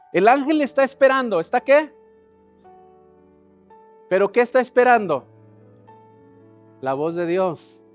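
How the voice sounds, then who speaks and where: High-voiced man preaching a sermon. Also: no echo. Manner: calls congregation to repeat phrases; asks rhetorical questions and answers them. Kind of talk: sermon teaching from scripture.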